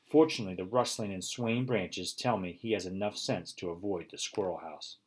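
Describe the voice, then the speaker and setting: A man reads a children's story aloud in first person, lively and expressive, jumping up high at exciting moments. His voice is low and husky. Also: moderate pace. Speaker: audiobook reader.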